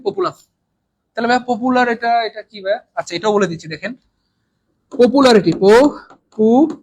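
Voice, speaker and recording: High-pitched bangladeshi guy teaching english vocab live, super animated, repeats stuff a lot, light background hiss. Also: rough recording. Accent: Bangladeshi Bengali. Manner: animated, repetitive, drills words, swings loud and soft. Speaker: exam prep teacher. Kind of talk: live online English lesson in Bengali.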